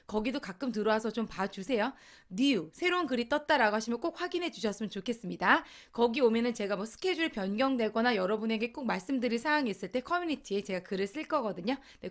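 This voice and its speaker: A woman in her thirties from Korea, teaching an online English lesson and slowly drilling English phrases between quick explanations. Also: on the high side.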